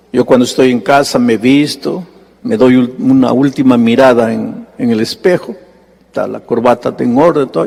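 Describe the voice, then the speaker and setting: Here a pastor with a gravelly voice tells a story during his sermon, performing the characters' lines and shooting up in pitch in lively bursts. A long hall reverb surrounds him.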